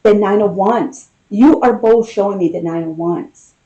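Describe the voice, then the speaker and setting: A woman giving an unscripted, intimate tarot card reading, musing aloud with pauses and repeated phrases. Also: medium pitch, dark tone, highs cut off.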